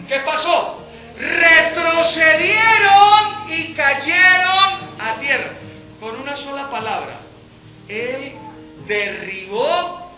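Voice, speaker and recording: Animated woman teaching scripture. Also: high voice. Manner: animated, acts out scripture quotes, asks rhetorical questions. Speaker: Bible study teacher. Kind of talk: Bible study sermon. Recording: echoey hall with faint music.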